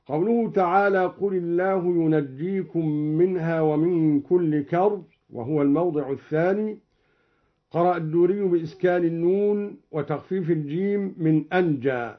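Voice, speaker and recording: A man teaching a recitation lesson, explaining each reading and then chanting the verse in a measured, melodic way. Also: a little high. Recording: dull lo-fi recording.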